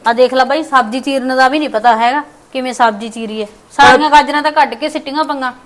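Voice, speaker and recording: A woman's voice: high voice, fast talker, a little hiss or hum, natural voice. A woman playing a touchy married daughter who is blunt and picks faults when visiting her mother's home. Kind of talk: village family short film acting.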